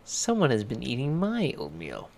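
A man's voice: mid-range voice, wildly swooping pitch, moderate pace, vocal fry, full character voice. A man doing a prim Mama Bear. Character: mother bear, proper and observant.

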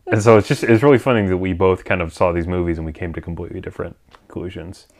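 A man's voice: low-pitched, fairly even intonation, racing, a little mellow. A man co-hosting a casual movie review chat, blunt and swearing freely. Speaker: podcast co-host.

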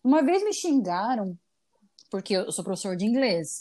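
A woman who is a guest on a podcast, ranting in a lively, profane, casual way. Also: medium pitch, normal speed. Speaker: guest artist and English teacher.

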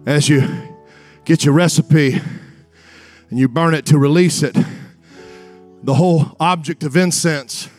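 High-voiced male preacher in full revival flow. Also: steady tone, faint music behind. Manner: dramatic, building from hushed, drawn-out phrases to high, sing-song cries; rhetorical repetition and direct address to congregation. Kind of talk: revival sermon.

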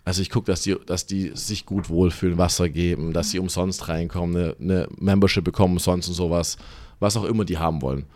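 A man in his thirties from southwest Germany talks as a podcast guest, with a deep, low voice. He tells his stories in a lively, casual way and drops English words into his speech. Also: a little fast, no echo. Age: 30s. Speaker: podcast guest, gym staffer. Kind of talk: casual chat.

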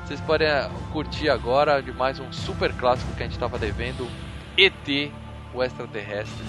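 A man's voice: medium pitch, moderate pace, music in the background. A man hosting a podcast, chatting casually and joking with his co-hosts. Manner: animated, joking. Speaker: podcast host.

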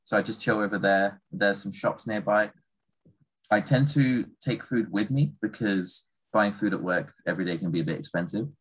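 Deep husky young Englishman chatting. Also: moderate pace, poor audio. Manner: relaxed, rambling, with fillers. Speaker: conversation partner. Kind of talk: casual chat.

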